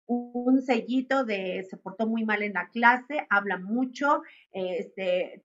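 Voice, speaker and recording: A woman with a Mexican accent speaks in a higher voice as an interview guest, telling her story in a lively way and playing out what she thought back then. The audio is dull and lo-fi. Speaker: guest, entrepreneur and doctor.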